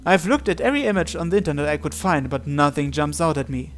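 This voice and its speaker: Speaking quickly with lively intonation in a slightly high voice, a man reads a visual novel out loud for his gaming audience, dramatizing the lines and slipping in personal asides. Game music runs underneath his voice.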